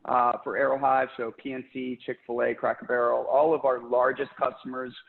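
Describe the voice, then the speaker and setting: Over tinny, echoey video-call audio, a Puerto Rican man in his thirties joins a work interview from his home office as a regional sales director. His gravelly mid-range voice moves a little fast with little pitch change, and he discusses his career upbeat and enthusiastic, full of fillers.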